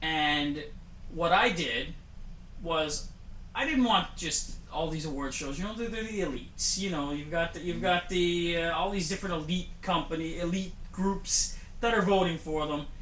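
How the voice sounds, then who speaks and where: A man with a bright, forceful voice hosts a homemade awards show in a playful, mock-grand way, sometimes restarting his sentences. He sits a little above the usual male pitch. The sound comes from an echoey home room with a faint hiss underneath. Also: moderate pace. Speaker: host. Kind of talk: casual comedic awards-show banter.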